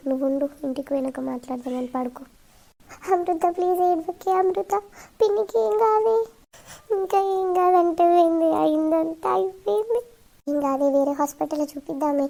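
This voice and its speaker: A woman voicing a caring elder sister in a cartoon, speaking with a Telangana accent and soothing others with gentle scolding. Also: sits high, steady tone, fairly quick. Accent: Telangana Telugu.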